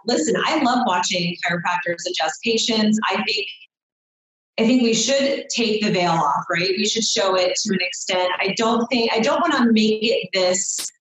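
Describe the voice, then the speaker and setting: A woman in her thirties talks as a guest on a podcast, a chiropractor who wanders through her thoughts with plenty of "I mean" and "you know". Her voice sits at a middle pitch. It is recorded in a very echoey room. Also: moderate pace, a bit bright. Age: 30s. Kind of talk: casual podcast chat.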